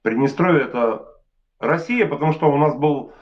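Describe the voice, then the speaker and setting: A man's voice: a little high, expressive, normal speed. Drunk, rambling man on a muffled call. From Transnistria. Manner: rambling, cursing, insistent. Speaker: caller. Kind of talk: heated phone argument.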